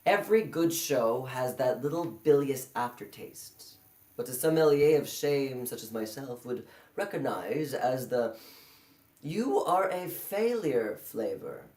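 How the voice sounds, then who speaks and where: A man's voice: medium pitch, animated, measured pace, a little mellow, close to an everyday voice. A man performing a live stage monologue as a bitter, self-loathing failure, sardonic and crude. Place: indoor performance hall. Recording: echoey hall.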